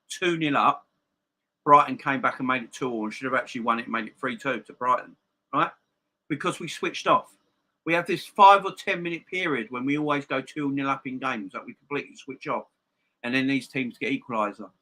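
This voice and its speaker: A man with a very bright, forceful voice and a slight gap-toothed lisp chats to viewers as a football stream host. He is emphatic and often repeats a phrase to drive it home. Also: mid-range voice, husky. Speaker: football fan channel live stream host. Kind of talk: casual live-stream chat and football opinion, addressing viewers.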